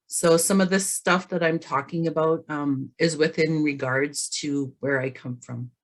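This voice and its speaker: A guest presenter from the James Bay area of northern Canada gives a webinar talk over a video call, her voice hoarse from laryngitis. She speaks carefully with many pauses, in a low, steady tone.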